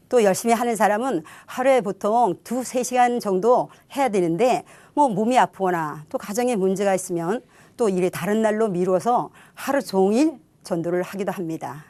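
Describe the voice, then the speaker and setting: A woman's voice: medium pitch, darkish tone, dry recording. A middle-aged woman giving her church testimony in an earnest, reflective storytelling manner. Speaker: testimony speaker.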